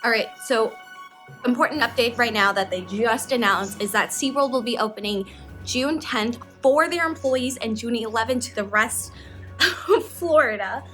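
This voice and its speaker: A young woman vlogging casually, chatty and excitable, emotional and close to tears. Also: a little high, normal speed, faint music behind. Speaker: vlogger, theme park employee. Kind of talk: casual emotional vlog chat.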